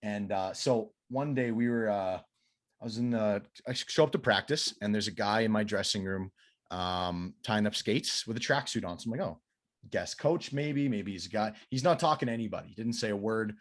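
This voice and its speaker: A man's voice: lowish voice, fairly quick. Man telling a rowdy story. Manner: animated, swears freely, acts out quotes with raised voice. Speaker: podcast guest, goalie coach. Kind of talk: casual podcast storytelling.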